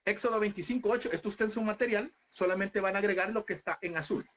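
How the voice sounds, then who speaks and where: A man's voice: high voice, fast talker, fairly bright tone. A man teaching a Bible seminary class, earnest and calling his listeners brother as he tells a personal testimony.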